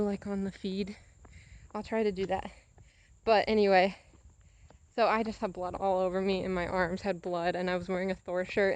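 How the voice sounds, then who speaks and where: A medium-pitched woman's voice, free of echo, belongs to a young adult vlogger. Chatting to the camera in a casual, confessional manner, she animatedly replays conversations, voicing each side.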